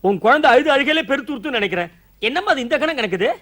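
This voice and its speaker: An actor playing a flustered young husband and new father, firing off quick puns and exasperated complaints in a stage comedy. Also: very high-pitched, lively intonation, pushed and bright, heavily acted. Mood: mocking. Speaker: lead comic actor. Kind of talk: Tamil stage comedy acting.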